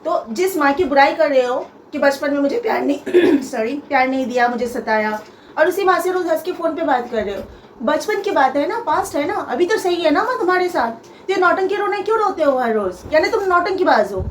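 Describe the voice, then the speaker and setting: A young woman telling a personal story on her vlog, aggrieved and emphatic, repeating herself and pausing often to restart. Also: high voice, lively intonation. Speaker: vlogger. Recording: echoey room with faint ambient noise.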